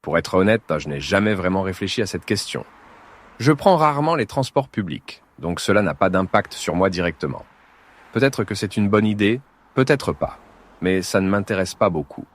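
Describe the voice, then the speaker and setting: A man's voice: low voice, sing-song, normal speed. A man giving an indifferent opinion in a detached tone. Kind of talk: scripted listening-practice reading.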